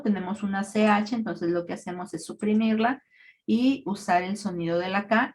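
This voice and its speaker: A woman giving a recorded parasitology lecture, explaining terms in a measured way with frequent fillers. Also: mid-range voice, darkish tone.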